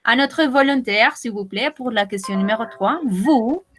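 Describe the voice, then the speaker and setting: A woman's voice: fairly high pitch, moderate pace. A woman teaching a French class over a video call, patient and often checking in with her students. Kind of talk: online language class.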